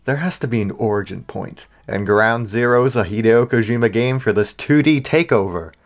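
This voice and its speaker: A man's voice: medium pitch, moderate pace. A man hosting his own channel, narrating a comedic video essay with sarcastic, joking asides. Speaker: YouTuber host.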